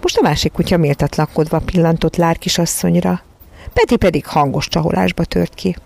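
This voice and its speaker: A woman reading a children's story aloud in an expressive storytelling manner. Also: fairly low pitch, gravelly, no echo. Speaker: reader.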